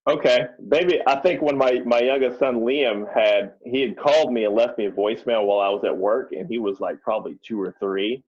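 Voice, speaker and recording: A man telling stories as a guest on a podcast, in a relaxed, easygoing way. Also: mid-range voice, brisk, hardly any pauses, breathy edge. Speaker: podcast guest, real estate investor. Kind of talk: casual interview chat. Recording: dull lo-fi sound.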